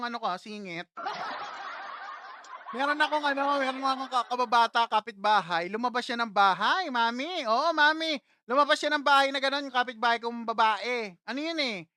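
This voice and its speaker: A man with an extremely high, sharp yet smooth voice hosts a casual livestream, chattily recounting a childhood story. He laughs often and speaks directly to his viewers, and the studio sound is clean with no echo.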